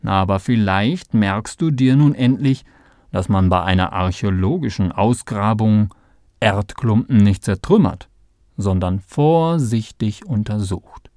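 A man voicing a calm, sensible male helper in a storybook reading, reassuring and firm. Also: fairly low pitch, a little slow, dry recording, clean studio sound, close to an everyday voice.

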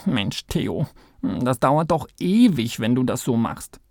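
A man voicing an eager, impatient little male mole in a children's storybook, with loud, excited exclamations. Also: medium pitch, measured pace, creaky, dry recording, clean studio sound, full character voice. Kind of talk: storybook read-aloud.

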